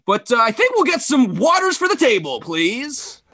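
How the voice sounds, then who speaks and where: A man's voice: very high voice, wildly swooping pitch, moderate pace, bright, forceful tone, voice pushed up, exaggerated voice. A man putting on a theatrical male sports announcer voice in a comedic role-play. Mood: grandiose. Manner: grand announcer cadence.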